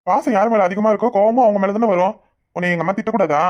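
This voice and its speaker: A coaxing young village husband, played by a voice actor in a cartoon, with a Kanyakumari Tamil accent. He talks very fast in a middle pitch, pleading and sweet-talking. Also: a little mellow, highs cut off, natural voice.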